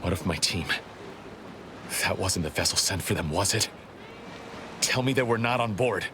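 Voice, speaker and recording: An actor playing a stern, formal resistance operative in a video game, speaking in a measured way. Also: male voice, sits low, expressive, noisy background. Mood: grim. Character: stern, formal male resistance operative, surly but softening.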